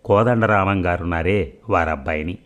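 A shy, earnest young village boy, voiced by a man in a storybook. He speaks timidly yet sincerely, and the voice stays low and deep, close to the reader's own. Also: normal speed, lightly acted.

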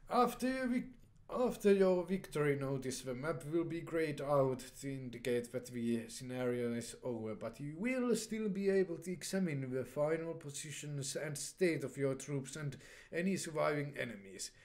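Reading the game's dialogue aloud in a flat delivery, this young let's play player talks through a strategy game at normal speed with a voice on the high side. His commentary is casual and hesitant, full of fillers and restarts.

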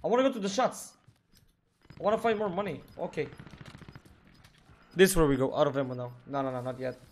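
A man streaming an online shooter game, excitedly talking to teammates and cursing at his mistakes. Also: fairly high pitch, brisk, a little hiss or hum. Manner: excitable, swearing, shouting at teammates. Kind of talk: live gaming commentary.

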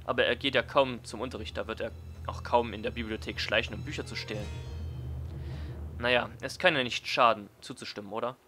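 A man reading a visual novel aloud as a let's player, in an expressive storytelling style. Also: medium pitch, a little fast, soft background music.

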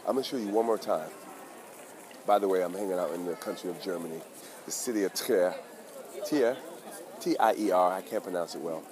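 A man hosting a casual street vlog outdoors, talking excitedly and in slang straight to his viewers. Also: deep voice, a little fast, long pauses. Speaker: vlog host. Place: outdoors on busy town streets. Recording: busy street crowd and noise.

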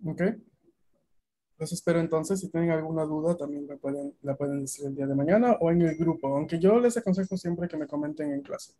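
A man's voice: fairly high pitch, brisk, dark tone, a little hiss or hum. A Latin American man teaching a beginner language class over a video call, explaining at length and often checking that students follow.

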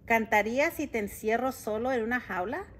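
A woman voicing a grumpy, cranky male town mayor in a storybook reading, loud, scolding and exasperated. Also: on the high side, brisk, close to an everyday voice.

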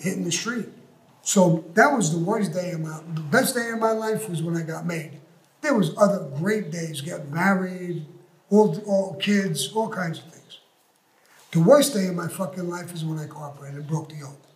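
Blunt, profane older man, roomy echo. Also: high voice. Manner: blunt, profane, tough-talking. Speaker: interview guest. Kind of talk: recorded interview storytelling. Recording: roomy echo with faint music.

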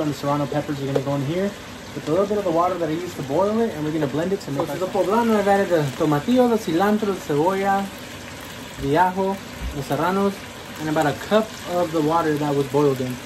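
A man's voice: fairly high pitch, quick pace. A man hosting a casual cooking tutorial at home, chatty and encouraging as he talks straight to viewers. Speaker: cooking channel host. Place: home kitchen. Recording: noisy kitchen with frying sounds. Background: food frying.

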